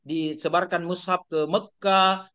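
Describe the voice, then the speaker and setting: A man's voice: sits high, fairly even intonation, slow, bright, forceful tone, clean tone. A middle-aged man lecturing an online class, asking his students questions and repeating points with many fillers. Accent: Indonesian.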